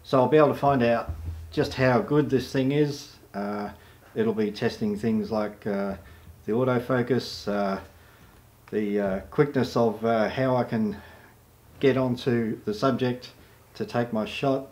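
A middle-aged Australian man chatting to camera in a loose, rambling vlog style. He drops plenty of filler sounds as he talks through his gear and plans. His voice sits at an ordinary, mid-level pitch. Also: unhurried. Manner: relaxed and rambling, with many "uh" fillers. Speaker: photojournalist and camera reviewer. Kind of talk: casual vlog talk to camera.

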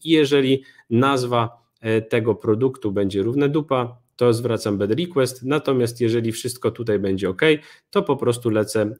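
A man's voice: mid-range voice, normal speed, few pauses. Young man giving a live coding talk. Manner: relaxed, many fillers and restarts. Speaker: conference speaker. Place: small home room, indoors.

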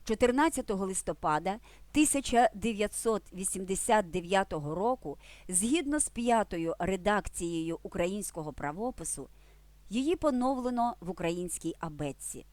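A woman in a mid-range voice narrates an educational language lesson from a script. She speaks clearly and deliberately and gives key words lively emphasis. The recording is dry and close, with no room sound. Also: mid-range voice, no room sound. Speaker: language teacher.

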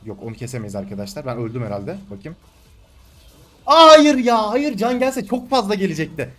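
A young man casually commentating his own gameplay, taunting and yelling at the screen, then calming down to explain his moves. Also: on the high side. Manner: excitable, shouts and taunts at the game, swings between calm and loud.

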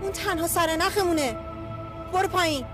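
An actress playing a bossy, quick-witted young woman who gives sharp orders and teases. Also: extremely high pitch, over music. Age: young adult. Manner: sharp, commanding, teasing. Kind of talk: film dialogue.

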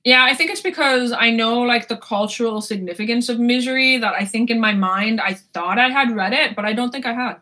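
Fairly quick and with hardly any pauses, this woman's voice is on the high side, bright and forceful. A book vlogger in her twenties, she has a sore throat and chats casually about books, rambling and freely laughing and swearing.

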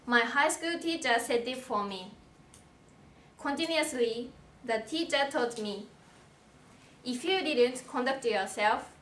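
Teen girl, reading her grad speech slow and careful, echoey hall, faint room hum. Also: a little high, fairly bright tone. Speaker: commencement speaker. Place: indoor hall with a lectern. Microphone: far camera. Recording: roomy hall sound from far off.

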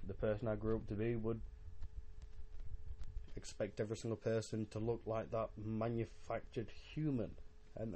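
Young male podcaster, lowish voice, mildly drunk, casual and halting rambling delivery. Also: warm tone, slight background noise, poor audio. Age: young adult. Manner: halting, rambling, with repeated words and swearing. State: a little drunk. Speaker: podcast host.

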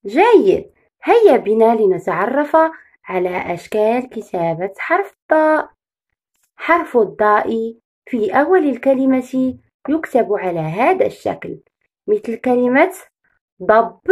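A woman teaching young children to read, speaking slowly and patiently, breaking words into syllables and having them repeat after her. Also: fairly high pitch. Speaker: kindergarten teacher. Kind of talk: online phonics lesson for young children.

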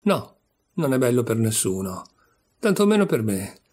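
A man voicing a timid, loyal young waitress who speaks softly and pleadingly in a story reading. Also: medium pitch, sing-song, normal speed, breathy edge. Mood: earnest.

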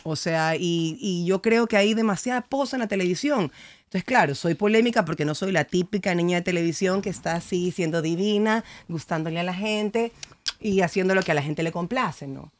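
A young woman with an Ecuadorian accent, chatting as a guest on a podcast and telling stories in a lively, slangy way. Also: lowish voice, fairly quick. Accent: Ecuadorian Spanish. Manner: lively, animated storytelling with slangy asides. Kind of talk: casual interview chat.

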